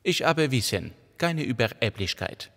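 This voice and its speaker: A man voicing a calm, sharp-minded woman investigator in an audiobook, asking questions in a measured way. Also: mid-range voice, gravelly, big-room sound, exaggerated voice. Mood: cool.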